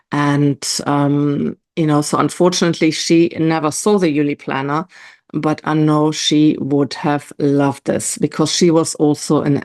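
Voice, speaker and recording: A woman's voice: sits low, a little mellow. A middle-aged woman, a planner designer and online entrepreneur, giving a casual, chatty product walkthrough to her camera, often using "you know" as a filler.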